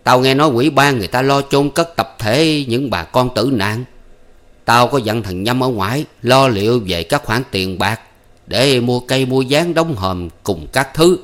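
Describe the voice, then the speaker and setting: A man voicing an older village notable who talks in a slow, coaxing, soothing way. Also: medium pitch, voice pushed up, natural voice.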